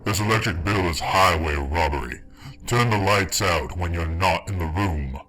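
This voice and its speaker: A man voicing the ghost of a stern father who nags and scolds in a gruff way. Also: low-pitched, moderate pace, sharp tone, rough recording. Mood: scolding. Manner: gruff, scolding, thrifty nagging.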